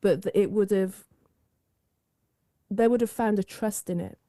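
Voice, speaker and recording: A woman's voice: medium pitch, fairly even intonation, measured pace, mellow, no room sound, studio quality. A woman hosting a podcast interview, thinking aloud with loose, searching phrasing. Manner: musing, many fillers and restarts. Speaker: podcast host.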